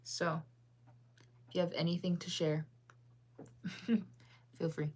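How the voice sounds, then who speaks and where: Young woman on a casual live stream, slightly low voice, chatty, laughs a lot. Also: level tone, slow, darkish tone, slightly rough. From United States. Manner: chatty, self-conscious, laughs often, answers chat. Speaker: livestreamer.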